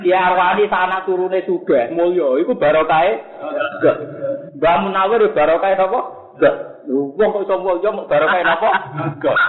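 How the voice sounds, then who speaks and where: A man preaches in a Javanese accent, joking and peppering his listeners with rhetorical questions. His voice sits a little high. The sound is thin and phone-like, with a roomy echo. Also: moderate pace. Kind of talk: religious sermon.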